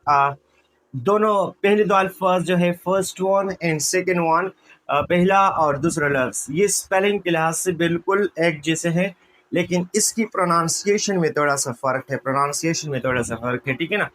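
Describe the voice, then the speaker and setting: A man with a slightly high, somewhat bright voice teaches English vocabulary at a normal speed, and the audio quality is poor. In a classroom-style explanation, he repeats words and asks his students questions, then answers them himself.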